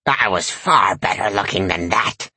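A man's voice: deep voice, animated, measured pace, bright, forceful tone, slightly rough, no echo, heavily acted. A man voicing a crabby, foul-mouthed old woman who runs a shop, sneering and cackling.

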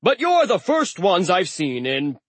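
A man doing a rumbling stone giant. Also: huge pitch swings, unhurried, dry recording, heavily acted. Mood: cheerfully menacing. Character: cheerful murderous male stone giant. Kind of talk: audiobook character voice.

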